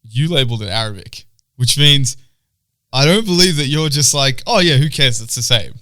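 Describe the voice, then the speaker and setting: A young Australian man co-hosting a podcast, his voice bright and sharp-edged at a middling pitch. He delivers deadpan, crude jokes and swears freely. The mic is close and dry. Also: normal speed, no room sound. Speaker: podcast co-host. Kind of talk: casual crude banter.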